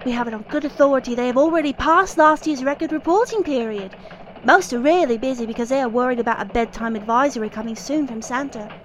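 High, eager elf reporter, a woman in the part, for a holiday radio news parody. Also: fast talker, slight background noise, natural voice. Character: female elf field reporter, eager and proud. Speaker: field reporter.

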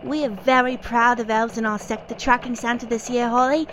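High, eager elf reporter, a woman in the part, for a holiday radio news parody. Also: steady tone, brisk, a bit bright, a little hiss or hum, lightly acted. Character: female elf field reporter, eager and proud. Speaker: field reporter.

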